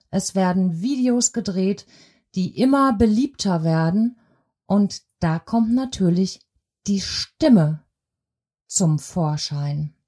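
Slow, warm-voiced woman voice coach. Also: mid-range voice. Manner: measured, deliberate explaining; addresses listener directly. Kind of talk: podcast lesson.

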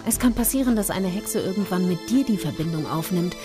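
An actress playing a secretive young woman who teaches witchcraft, speaking calmly and instructively over a film score. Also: fairly low pitch, fairly quick, music in the background, natural voice. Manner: calm, instructive, ominous.

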